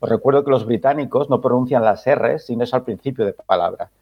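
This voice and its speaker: Husky and medium-pitched, a man from Spain speaks a little fast on a football podcast panel, though the audio is muffled. He explains patiently in casual conversation, tacking on "no?" as a tag again and again.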